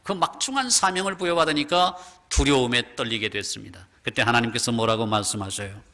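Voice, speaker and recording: A man preaching a sermon as pastor, emphatic and exhorting, who drops to a hushed, slower voice when he quotes scripture. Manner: emphatic preaching, lowers voice to a hush when quoting God.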